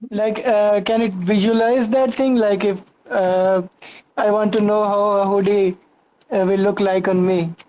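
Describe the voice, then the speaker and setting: A woman's voice: mid-range voice, fairly even intonation, measured pace. Woman asking questions, dull audio. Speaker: audience member asking questions. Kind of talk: informal online question-asking. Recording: dull online call audio.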